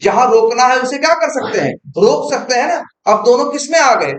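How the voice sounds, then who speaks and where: High-voiced man teaching code, echoey room. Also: animated, fairly quick, a bit bright. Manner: explains with rhetorical questions he answers himself. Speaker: programming teacher. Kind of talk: informal coding lesson.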